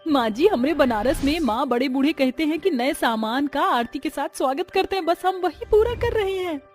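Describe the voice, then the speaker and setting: A brash young village bride, as a woman puts her on, talks back in a loud, drawling Bhojpuri-tinged eastern Hindi dialect, her voice pitched up high and lively. Faint music hums under this cartoon story. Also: normal speed.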